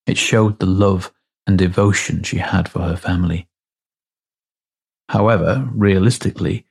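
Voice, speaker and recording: A man giving a scripted devotional reading in a measured, reverent manner. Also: deep voice, creaky, darkish tone, breathy edge. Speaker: devotional reader.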